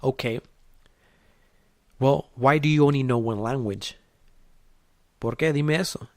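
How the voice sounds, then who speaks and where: A podcast host whose first language is Spanish delivers a blunt, profane motivational monologue packed with rhetorical questions. His medium-pitched voice keeps a measured pace, captured in a dry, clean studio recording.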